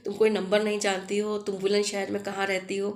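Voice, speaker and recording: A woman's voice: mid-range voice, monotone, fairly quick, lightly acted. A woman doing a kindly policeman. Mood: reassuring. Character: kindly male policeman, patient and reassuring.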